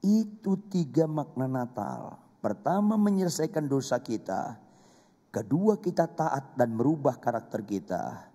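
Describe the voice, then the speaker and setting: Animated male pastor preaching in a reverberant hall. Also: medium pitch. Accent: Indonesian. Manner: emphatic, humorous, repeats phrases for effect. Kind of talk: sermon. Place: church. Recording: long reverb of a church hall.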